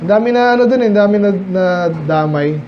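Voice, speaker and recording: Talking fast in a high voice, a pastor reads English verses at a midweek Bible study and then explains them in easygoing, conversational Filipino. He keeps throwing rhetorical questions at his listeners. The church recording sounds dull and lo-fi, a faint hiss in the background.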